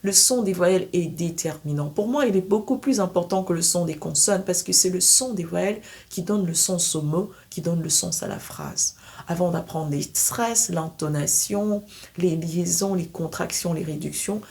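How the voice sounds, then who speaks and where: A woman's voice: on the low side, a little mellow. A French-speaking woman teaching English pronunciation, repeating sample words and sentences as she explains. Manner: demonstrates words slowly, repeating them. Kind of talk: pronunciation lesson.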